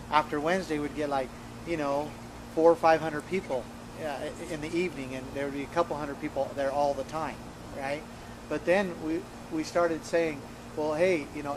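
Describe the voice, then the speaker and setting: Man, earnest and emphatic storyteller, slightly high voice, repeats himself, faint noise underneath. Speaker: interviewee recounting events. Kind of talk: conversational storytelling.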